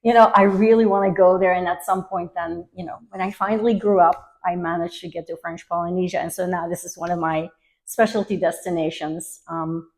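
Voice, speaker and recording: A woman's voice: lowish voice, fairly even intonation, a little fast, darkish tone, rough recording. A middle-aged woman from Belgium with a slight Belgian accent, chatting casually as an interview guest with many fillers. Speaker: guest, luxury travel advisor.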